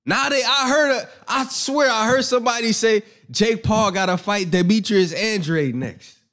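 At normal speed, a high-pitched, slightly bright male voice gives a rambling monologue. He's a brash young boxing commentator, confident and profane as he shares his views.

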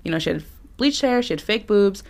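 A woman's voice: medium pitch, animated, brisk. A young woman co-hosting a podcast, telling a story in casual chat, laughing often and acting out quotes. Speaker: podcast co-host.

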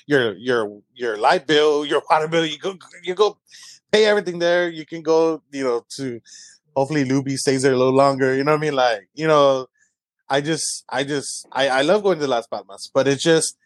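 A young man from San Antonio, telling stories in a casual chat, full of fillers and quick voices of people he mimics. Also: no echo. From San Antonio, Texas. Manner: animated storyteller, many fillers, quick high-pitched mimicry of others. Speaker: guest, comedy creator.

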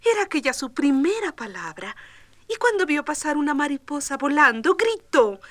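A woman narrating a children's storybook record, expressive and tender. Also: high-pitched, moderate pace, no room sound.

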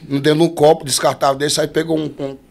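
Um cantor de forró nordestino, homem, contando histórias de bastidor de forma animada, imitando as vozes das pessoas. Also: male voice, on the high side, fast, creaky. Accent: Northeastern Brazilian. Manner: animated, acts out quoted voices. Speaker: forró singer, podcast guest. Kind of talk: casual storytelling.

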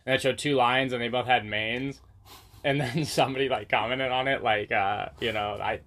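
A man's voice: medium pitch, fairly even intonation, moderate pace, pushed and bright. A man chatting casually as a podcast co-host, with loose, slangy, informal phrasing. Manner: laid-back slangy phrasing, peppered with "like" and "dude". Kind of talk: casual chat.

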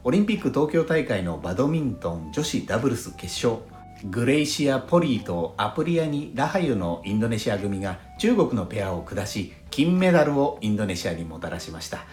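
A man from Fukushima hosting a solo audio podcast, talking in a calm, measured way. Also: medium pitch. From Fukushima, Japan. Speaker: podcast host. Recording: roomy sound with faint background music.

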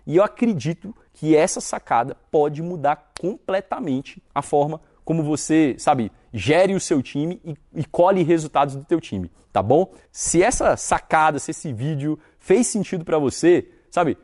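Animated Brazilian man, motivational vlog. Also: a little high, measured pace, few pauses. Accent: Brazilian Portuguese. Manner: informal, animated, acts out dialogues. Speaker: network marketing leader. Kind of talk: casual motivational talk to camera.

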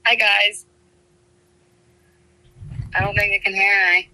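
This is a woman coming through on speakerphone. Her voice is strikingly bright and sharp, and her pace is unhurried. She answers in short, hesitant bits. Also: mid-range voice, level tone, poor audio. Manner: hesitant, brief replies. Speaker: friend calling in.

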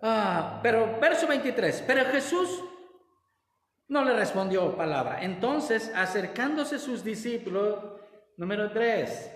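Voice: medium pitch, slow pace. Pastor preaching in an echoing church hall. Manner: animated, calls for congregation responses, laughing asides. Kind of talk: Pentecostal-style preaching sermon. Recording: roomy church hall with long reverb.

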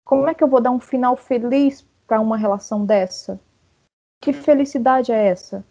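A woman writer who talks playfully, piling up rhetorical questions and quips. Her voice sits fairly high. The audio is dull and muffled, like a lo-fi connection. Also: normal speed, dark tone. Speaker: writer on a panel. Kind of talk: casual panel discussion.

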